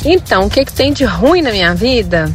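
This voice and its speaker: A Brazilian woman with a fairly high voice leaves a chatty, comically grumbling message. Music and vehicle noise are audible behind her. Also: very animated, fairly quick. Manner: humorously complaining. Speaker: caller. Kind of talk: casual voice message.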